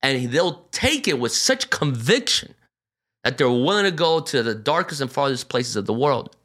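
A man's voice: mid-range voice, very animated, normal speed, fairly bright tone. A man in his forties from Brazil, a pastor speaking on a podcast, telling his personal story in an earnest way with many fillers and restarts. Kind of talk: reflective personal testimony.

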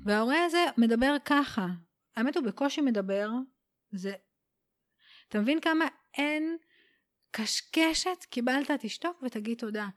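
A woman guest on a podcast, explaining spiritual ideas in an unhurried, warm way and dropping in English phrases. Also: high voice, expressive. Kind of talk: casual explanatory conversation.

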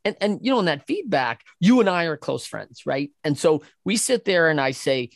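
A man's voice: a little high, lively intonation, moderate pace, creaky, no echo, studio quality. A man co-hosting a casual talk show, telling stories with lots of energy, acting out quoted voices and laughing often. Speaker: podcast co-host. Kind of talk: casual conversational chat.

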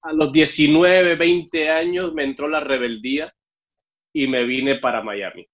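A young man born in Cuba, speaking with a Mexican Spanish accent, tells his story as a guest in a casual interview, acting out dialogue in a raised voice. His pitch is fairly high and fairly even, his pace a little slow, his tone a bit bright, and the audio sounds dull and muffled.

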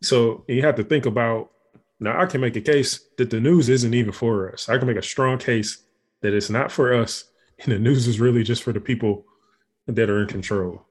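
A man's voice: medium pitch, fairly even intonation, normal speed, breathy edge. Man, podcast co-host, casual, restarts a lot, mid-range voice. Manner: rambling, frequent restarts and fillers. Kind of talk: casual conversation.

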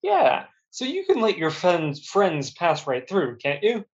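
A man's voice: sits high, wildly swooping pitch, unhurried. A man playing a tabletop game, bantering casually on a dull, muffled recording.

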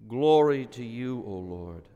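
A middle-aged man, a priest, reading the gospel and preaching a homily with a lively delivery that rises on quoted lines, heard in a large church with a long cathedral echo. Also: medium pitch, slow pace, clean tone, highs cut off. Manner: lively sing-song delivery, rising on quotes.

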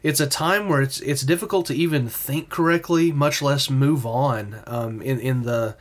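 A man's voice: medium pitch, moderate pace. A man with a rural drawl, slightly nasal, co-hosting a conversational podcast. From West Texas, US. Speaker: podcast co-host.

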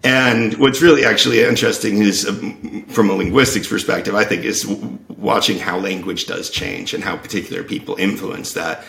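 Man, low and gravelly, talking through ideas at length; roomy echo on the mic. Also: steady tone, normal speed, hardly any pauses, fairly bright tone. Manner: thoughtful, explains at length. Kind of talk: casual conversational explaining. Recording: echoey room.

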